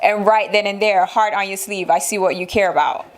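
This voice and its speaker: A woman's voice: mid-range voice, steady tone. Brief: woman interviewer, encouraging, supportive, casual chat, mid-range voice. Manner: encouraging, quick affirmations. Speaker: interview host.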